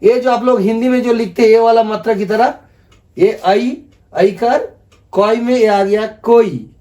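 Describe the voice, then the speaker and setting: A man's voice: very high-pitched, moderate pace, dark tone. A man whose first language is Bengali, teaching the alphabet in a patient, repetitive video lesson and asking viewers to repeat after him. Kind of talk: video lesson explaining script.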